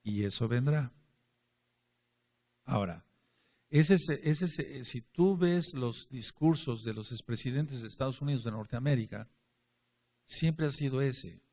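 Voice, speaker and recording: A man's voice: medium pitch, unhurried, pauses often, darkish tone. A man preaching a Bible study to a congregation, emphatic, repeating key words and speaking to his listeners directly. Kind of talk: sermon-style Bible teaching.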